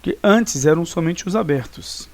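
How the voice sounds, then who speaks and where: A man's voice: a little high, animated, measured pace. A man with a Brazilian Portuguese accent, teaching a recorded grammar lesson in an explanatory way, checking in with the class often. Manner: explanatory, frequent tag questions.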